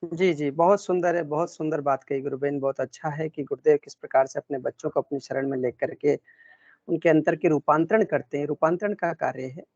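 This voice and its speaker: A man moderating an online devotional session, speaking calmly and courteously. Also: a little high, a little fast, no echo. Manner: calm, courteous, formal. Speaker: host of an online satsang session. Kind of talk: moderating a devotional group call. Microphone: video call. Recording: dull dry call audio.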